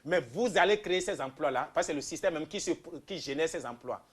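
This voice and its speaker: A man from Benin, answering interview questions as a political candidate in an emphatic way that swings from loud bursts to quiet asides. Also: a little high, animated, fairly quick, husky. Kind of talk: interview answers, campaign pitch.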